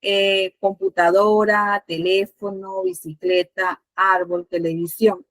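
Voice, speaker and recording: A woman's voice: medium pitch, measured pace, no room sound, low-quality recording. A Spanish teacher with a Panamanian accent, a woman, patiently asking her students questions with many fillers.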